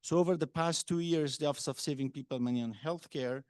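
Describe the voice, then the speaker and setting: A man from Afghanistan, a public health policy advisor, speaking on a panel with many pauses and filler sounds. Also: a little high, darkish tone, dry recording, low-quality recording. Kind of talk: panel talk. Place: exhibit hall panel.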